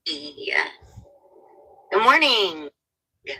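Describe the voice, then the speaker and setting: Brief: woman in her fifties, breathy bright voice, slow easygoing delivery. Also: on the low side, big pitch swings, poor audio. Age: 50s. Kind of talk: short social media clip.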